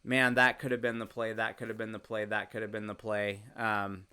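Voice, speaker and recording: Smooth-voiced man in casual sports chat. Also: on the low side, completely flat delivery, bright, forceful tone. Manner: rambling, hesitant restarts, measured. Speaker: podcast co-host.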